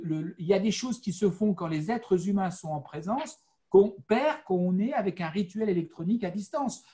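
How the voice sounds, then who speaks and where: High-voiced man from the Vosges. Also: mellow. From France, Vosges. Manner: measured, explanatory, with frequent fillers. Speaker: panel speaker. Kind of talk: panel discussion.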